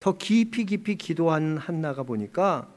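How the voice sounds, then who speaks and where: A man with a notably high voice delivers a sermon. His preaching is passionate and dramatic. He lurches between ringing, forceful peaks and quiet, breathy lows that are close to a whisper. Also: animated, a little slow. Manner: impassioned, swinging from loud cries to hushed near-whispers. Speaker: pastor.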